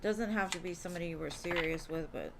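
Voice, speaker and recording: A woman's voice: lowish voice, fast talker, vocal fry. Woman, tarot reader, casual live stream, chatty with fillers, faint room noise. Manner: chatty, says "like" and "um" often, calls viewers "love".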